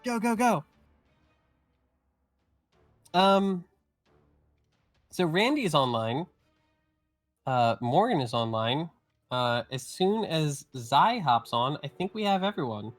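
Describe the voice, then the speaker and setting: Male game master, a little high-pitched, loose and rambling, leans on filler words. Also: very animated, takes it slowly, long pauses, faint music behind. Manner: rambling, fills speech with "like" and "um". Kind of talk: casual table talk before an online game. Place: online voice chat.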